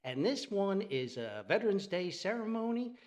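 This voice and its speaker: High-voiced and darkish in tone, the man moves through big pitch swings at an ordinary speed. He's a New Jersey-born American running a one-man podcast that includes sponsor reads, delivered with folksy, theatrical chatter, exclamations and emphatic repetition.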